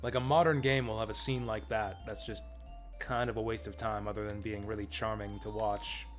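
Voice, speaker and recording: A man's voice: fairly low pitch, fairly even intonation, moderate pace. A man streaming a game, giving casual, rambling, enthusiastic fan commentary. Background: video game music and dialogue.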